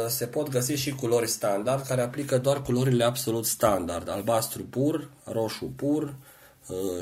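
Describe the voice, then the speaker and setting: A man's voice: medium pitch, darkish tone. Patient man teaching keyboard steps. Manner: patient, explains each keystroke. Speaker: computer skills instructor. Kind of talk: step-by-step tutorial explanation.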